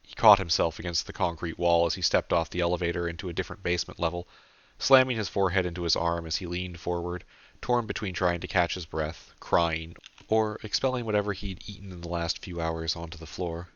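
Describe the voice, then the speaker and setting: A man narrating his own novel as an audiobook, in a steady, earnest storytelling manner, recorded close on a home mic with slightly dull lo-fi sound. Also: low-pitched, fairly quick, no echo.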